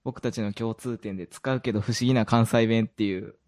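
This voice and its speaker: A man's voice: on the low side, steady tone, brisk, a little mellow. A man with an Osaka-area Kansai accent chatting casually and giggly as a podcast host. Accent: Kansai (Osaka-area) Japanese. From Kansai, Japan. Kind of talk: casual chat.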